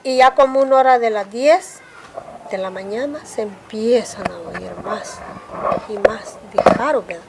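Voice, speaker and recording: A woman's voice: fairly high pitch, a little slow, gravelly, noisy background. An older woman telling her story in a plain, rural storytelling way, quoting what she once said. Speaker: survivor giving testimony. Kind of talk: spoken testimony in a documentary. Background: music.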